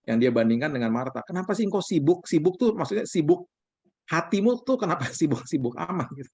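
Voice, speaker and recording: A man, a pastor, preaching in a relaxed, conversational way over a video call. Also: fairly high pitch, quick pace, slightly rough, no room sound. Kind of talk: sermon-style sharing over video call. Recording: dull lo-fi video call audio.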